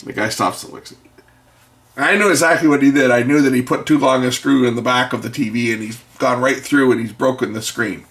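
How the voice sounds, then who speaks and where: A man's voice: medium pitch, fairly even intonation, fairly quick, a bit bright. Rambling middle-aged man telling a story. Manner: rambling, wry storyteller with muttered asides. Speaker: video maker and electronics tinkerer. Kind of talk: casual anecdote told while repairing.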